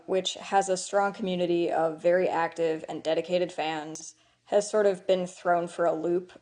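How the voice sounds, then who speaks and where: Young woman, low mellow voice, video essay. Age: young adult. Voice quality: morning voice, a little off from usual. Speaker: video essayist, channel host. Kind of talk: scripted video essay narration with informal asides. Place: indoors, a room with some reverberation. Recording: slightly reverberant room.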